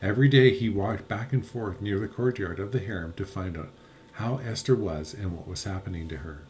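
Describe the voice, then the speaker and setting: A man's voice: sits low, brisk, darkish tone. Man reading scripture aloud. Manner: laughs often, stumbles over names. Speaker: podcast co-host reading scripture. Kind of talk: casual Bible study chat with reading aloud.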